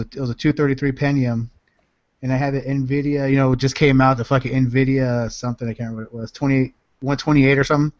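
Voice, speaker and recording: A man around forty talks casually in a laid-back, slangy manner, with a mid-pitched voice. The sound is dry and close but a bit dull, like an online voice chat. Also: no room sound. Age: about 40.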